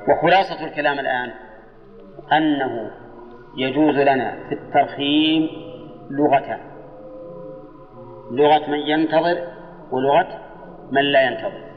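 An older man teaching Arabic grammar to students in a lesson, slow and measured, drawing out the words of his examples and putting questions to the class. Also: medium pitch, faint music behind. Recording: dull old lecture tape in a reverberant hall.

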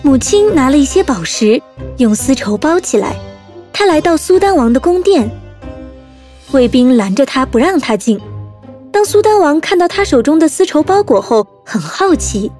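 A woman storyteller narrating a scripted children's story in an expressive way. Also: sits high, normal speed, faint music behind.

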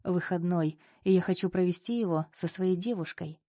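A woman's voice: fairly low pitch, normal speed, mellow, no echo, clean studio sound, lightly acted. A woman reading the lines of a confident young male boss who teases and gives orders. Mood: teasing. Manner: teasing, commanding.

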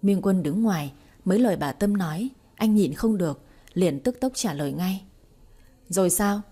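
A woman narrating a romance audiobook in a steady, unhurried storytelling manner. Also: on the low side, husky.

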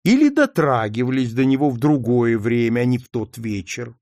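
A man voicing a calm, shrewd male detective who questions gently and conciliatorily. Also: medium pitch, moderate pace, no echo, clean studio sound, close to an everyday voice. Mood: calm probing.

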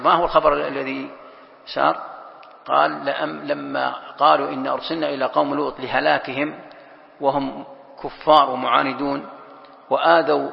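A sheikh gives a classroom lesson on Quran commentary, reading a passage aloud and then breaking it down with rhetorical questions. His voice is raised slightly and heavily gravelly. It carries a long echo through a hall on a dull, lo-fi recording. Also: a little high. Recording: echoey hall, dull lo-fi sound.

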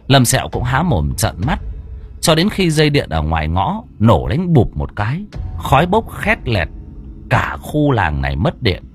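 A man's voice: mid-range voice, huge pitch swings, a little slow, breathy edge, faint music behind. A man narrating a folk ghost story for an audio book, telling it dramatically.

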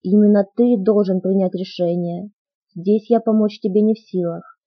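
A composed doctor speaks in an even, measured way and gives orders without haste, as a woman reads him. The voice is soft and a little husky, on a dull, dry recording. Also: medium pitch, dry recording, lightly acted. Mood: calm. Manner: calm, measured, commanding. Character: calm composed male doctor, older.

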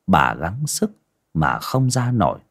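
Husky, expressive male storyteller. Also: low voice, takes it slowly. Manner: expressive, dramatic. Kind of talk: dramatic story narration.

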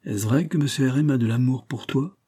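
A man's voice: mid-range voice, brisk, warm tone, slightly rough, pitched above the performer's own voice, close to an everyday voice. A man reading aloud voices a stern, furious middle-aged father who speaks in an angry, demanding way.

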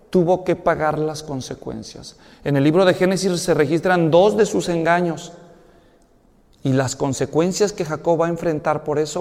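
A man preaching a sermon as a pastor, telling a Bible story with lively, animated delivery. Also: a little high, in a large hall. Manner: animated storytelling, acting out biblical characters with big swings in volume.

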